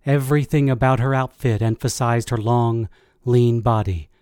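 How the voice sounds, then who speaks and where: A man reading a first-person audiobook in a measured, steady way. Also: mid-range voice, smooth, no room sound, studio quality. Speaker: audiobook narrator.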